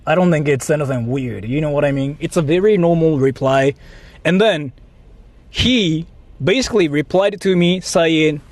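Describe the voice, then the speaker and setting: Speaking at normal speed with a fairly high pitch, this Japanese livestream host chats easily with viewers. He wanders, repeats himself and swears at times, and the audio has no echo.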